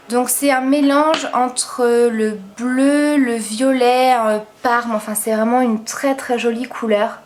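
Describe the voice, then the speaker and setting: A woman's voice: on the high side, slight background noise. A woman giving a casual makeup product review as a beauty vlogger, chatty and enthusiastic, with lots of hesitant fillers. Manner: enthusiastic, gushing about products.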